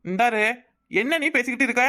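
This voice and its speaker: A woman's voice: a little high, brisk, sharp tone. A woman with a southern Tamil village dialect voicing a middle-aged village husband who coaxes and then grows indignant in a cartoon. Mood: coaxing. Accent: southern Tamil Nadu village dialect. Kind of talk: cartoon voice acting.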